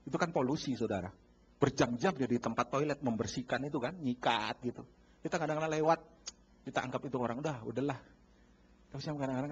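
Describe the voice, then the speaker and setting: A man pastor preaching a sermon, animated and acting out bargaining scenes while addressing the congregation. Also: fairly high pitch, slight background noise. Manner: lively, acts out bargaining dialogues, addresses congregation as saudara. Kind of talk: sermon with acted-out market scenes. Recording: dull lo-fi church recording.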